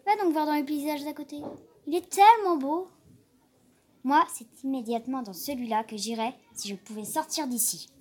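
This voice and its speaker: A woman's voice: high voice, normal speed, a little mellow, close to an everyday voice. A woman voicing a small talking portrait of a young man, wry and emphatic.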